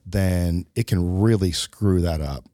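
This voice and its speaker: A man's voice: low-pitched, slow, warm tone, no echo, clean studio sound. A middle-aged man talking reflectively in a casual podcast conversation, with many fillers and restarts. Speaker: podcast co-host.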